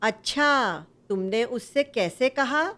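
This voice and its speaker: A woman voicing a gentle, motherly older woman giving soft advice. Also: on the high side, lively intonation, slow. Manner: gentle, advising.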